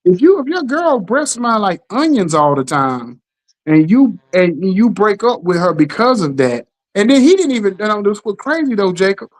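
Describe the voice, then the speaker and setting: Animated man telling stories, leaping pitch. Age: adult parent. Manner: animated storytelling, acts out quotes with jumps in pitch; repeats "you know what I'm saying". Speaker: podcast co-host. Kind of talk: casual chat.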